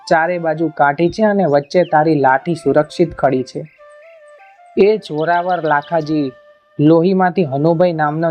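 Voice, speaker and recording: A man narrating a traditional folk tale as scripted storytelling, in a measured, declamatory reading voice. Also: a little high. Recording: dull lo-fi narration over faint music.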